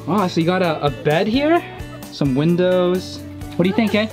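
A man's voice: sits high, expressive, normal speed. A young man hosting a casual travel vlog, touring a boat and cheerfully pointing things out. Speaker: vlog host. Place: outdoors on a boat deck and inside a boat cabin. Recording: music playing under the voice.

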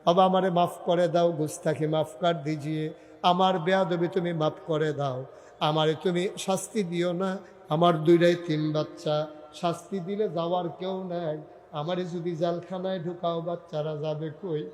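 A man's voice: a little high, fairly even intonation, moderate pace, a little mellow, in a large hall, a little hiss or hum, lightly acted. A male preacher voicing a poor, desperate mother of hungry children, in a pleading, sorrowful manner.

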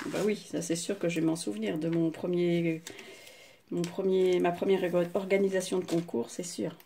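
Older French woman, craft vlog host, low gravelly mellow voice, gushing and chatty, phone mic. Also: little pitch movement, moderate pace, a little hiss or hum. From France. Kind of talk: casual unboxing chat.

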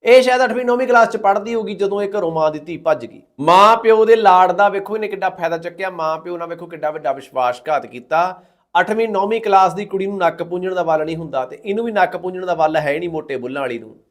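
A man's voice: high-pitched, fast. A man telling a true story in a moralizing, scornful way, acting out other people's words. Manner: moralizing, scornful, quotes others in their voices. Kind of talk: dramatic storytelling.

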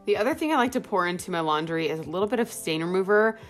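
Young woman chatting through her cleaning day, lowish voice, bit of music behind. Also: animated, quick pace. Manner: chatty, friendly, filler words like "like". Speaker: home vlogger. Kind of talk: casual voice-over narration.

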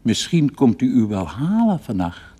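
An older man voicing a pale, quiet little girl in a read-aloud story, raising his husky voice softly. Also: mid-range voice, huge pitch swings, a little slow, pitched above the performer's own voice. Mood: timid, wondering. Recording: reverberant studio recording.

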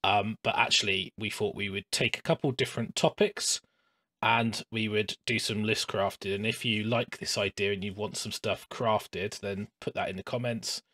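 A man's voice: fairly low pitch, moderate pace, dry recording. A man hosting a podcast from his home hobby room, chatting casually with lots of fillers and restarts. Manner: relaxed and chatty, with frequent "um" and restarts. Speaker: podcast host.

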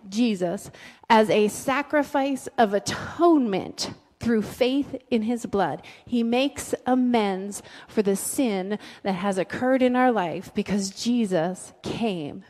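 Middle-aged woman preacher, talks with the congregation, slightly high voice, reverberant sanctuary. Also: slow, a little mellow. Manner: conversational, asks the congregation questions. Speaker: pastor. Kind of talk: sermon. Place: church sanctuary with a stage. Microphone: handheld mic, filmed from the back of the room. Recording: long reverb of a church hall.

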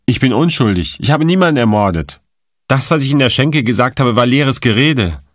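A man voicing a desperate, defiant male prisoner who shouts and pleads in a raised, strained voice. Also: lowish voice, lively intonation, a little fast, no room sound, studio quality. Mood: defiant, shouting.

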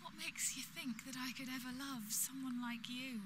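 A woman's voice: high-pitched, normal speed, background noise, natural voice. A woman playing an exasperated, defiant stalking victim in a drama, blunt and dismissive. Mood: scornful, dismissive. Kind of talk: dramatic dialogue acting.

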